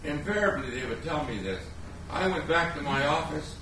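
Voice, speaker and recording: A man's voice: fairly high pitch, animated, normal speed. Earnest middle-aged man in a very echoey room. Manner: earnest, storytelling. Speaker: panelist, former missionary. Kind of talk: reflective talk to an audience. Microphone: distant room mic. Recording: very echoey, distant, hissy.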